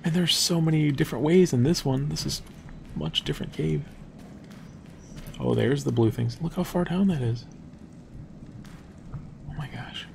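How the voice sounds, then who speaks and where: A young man commentating a game casually, thinking aloud and dropping to hushed tones when nervous. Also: on the high side, normal speed, creaky, long pauses, a little hiss or hum. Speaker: gameplay commentator. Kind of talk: casual let's-play commentary.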